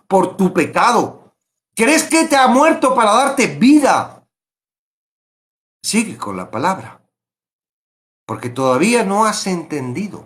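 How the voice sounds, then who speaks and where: A middle-aged man teaching a verse-by-verse Bible study, emphatic and animated, repeating words for stress. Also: very high-pitched.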